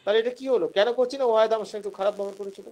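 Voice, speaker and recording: A man's voice: high-pitched, steady tone, very fast, darkish tone, poor audio. A man with a Bengali accent giving an online lecture on homeopathy, explaining patiently and asking questions that he then answers himself. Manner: acts out quoted patients in a raised voice. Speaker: homeopathy teacher.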